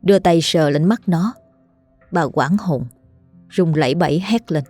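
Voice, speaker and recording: A woman narrates a ghost story in a steady, solemn reading voice. Her pitch is low and her tone dark and mellow. Faint music runs beneath her. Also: a little slow.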